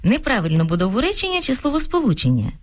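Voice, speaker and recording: A woman co-hosting a scripted radio program on language, explaining pronunciation clearly. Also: on the high side, fast talker, soft background music. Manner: clear, explanatory, lively intonation.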